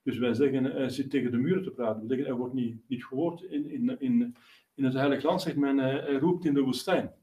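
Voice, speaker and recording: Priest preaching in an echoey church. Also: male voice, medium pitch, mellow, dull audio. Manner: explanatory, halting with many fillers and restarts. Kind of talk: sermon. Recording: roomy echo, voice from a distance.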